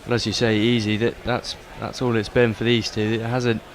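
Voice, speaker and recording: A man's voice: on the low side, flat delivery, moderate pace. A man giving conversational tactical analysis as a summariser on a cricket broadcast. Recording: clear outdoor background noise. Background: outdoor ambience of a cricket ground.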